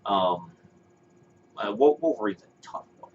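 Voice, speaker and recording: A man's voice: on the low side, expressive, a little slow. A man co-hosting a podcast, chatting casually and opinionatedly, rambling with fillers and restarts. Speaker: podcast co-host. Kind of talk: casual chat. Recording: dull lo-fi sound with faint hiss.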